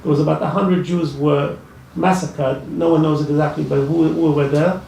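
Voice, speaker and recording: Here an Iraqi man, his voice gravelly, warm and a little high with fairly even intonation, tells his own story at a talk in a library event room. He stumbles through it, restarting and using fillers frequently, in Iraqi Arabic-accented speech. The recording sounds like an echoey hall picked up from afar, with faint noise behind.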